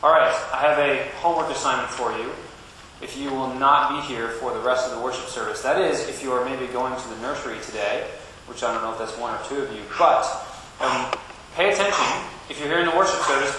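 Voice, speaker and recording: A pastor leading a children's sermon, coaxing and playful with the kids in a church sanctuary. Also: male voice, medium pitch, brisk, sharp tone, recorded from a distance. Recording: very echoey church with background noise.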